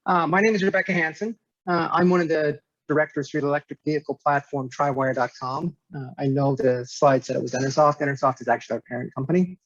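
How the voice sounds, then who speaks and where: A man gives an online business presentation over a video call. His voice sits a little high for a man, and he speaks in a measured way, with many "uh" fillers and restarts. The audio is dull and dry, with no room sound. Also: steady tone, dry recording. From United States, Nevada. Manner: measured, with frequent "uh" fillers and repeated words. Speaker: guest speaker, company director.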